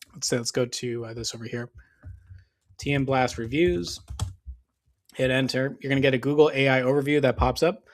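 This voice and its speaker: A man who runs an SEO business gives a loose, explanatory narration over a screen share, stopping often for ums and restarts. His voice is mid-pitched for a man, getting hoarse, and he clears his throat from time to time.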